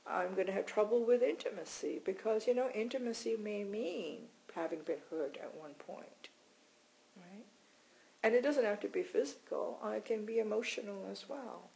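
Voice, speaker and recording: A woman's voice: mid-range voice, normal speed, creaky, darkish tone, poor audio. A woman teaching in an informal, conversational way, often repeating words and adding "right?". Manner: conversational, repeats words and adds tag questions. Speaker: meditation teacher.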